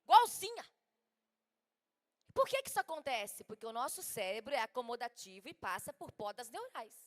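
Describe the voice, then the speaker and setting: Brazilian woman preacher, high pitch, humorous sermon delivery, sudden loud and soft swings. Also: moderate pace. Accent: Brazilian Portuguese. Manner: animated, swings from loud exclamations to soft asides. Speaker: preacher at a women's conference.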